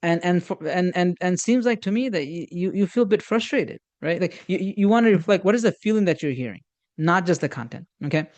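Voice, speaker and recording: A man with a slightly raised, lively, somewhat mellow voice teaches communication skills in a loose, informal workshop lecture. He halts and restarts often, filling gaps with "um" and "you know," acts out sample conversations, and weaves in Islamic religious phrases and Arabic quotes. The sound is lo-fi.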